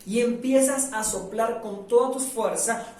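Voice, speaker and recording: A man from Venezuela teaching a live online public speaking workshop, lively and demonstrative, acting out the sounds he describes. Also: very high voice, measured pace, a little hiss or hum. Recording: very echoey room, mic at a distance.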